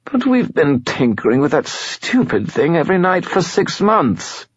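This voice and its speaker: A man's voice: medium pitch, very animated, a little slow, slightly rough, no room sound, lo-fi sound, pitched above the performer's own voice, exaggerated voice. A man voicing a grumpy, whiny male air spirit living in a skull, complaining as he talks.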